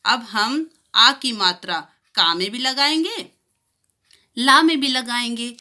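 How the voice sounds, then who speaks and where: A woman teaching a children's lesson, slowly stretching out each sound so young pupils can repeat it after her. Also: a little high, sharp tone. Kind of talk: primary school lesson.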